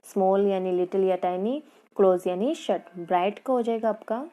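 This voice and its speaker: A woman teaches an English poem in an online class, mixing Hindi and English. She asks her students questions, repeats key words, and reads the English lines slowly and carefully. Her voice is medium-pitched and steady, with phone-quality sound.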